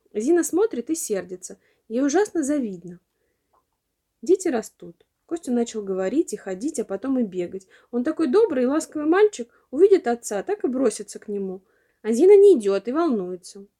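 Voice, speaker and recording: Expressive woman reading a children's story. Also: a little high. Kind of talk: storybook narration.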